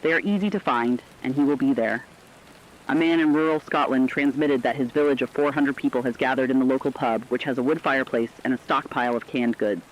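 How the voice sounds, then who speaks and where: A man plays a somber, humane radio correspondent, reflectively delivering a scripted report of survivors' stories. His medium-pitched, near-everyday voice runs a little fast, and the dull, lo-fi radio sound carries a faint hiss or hum.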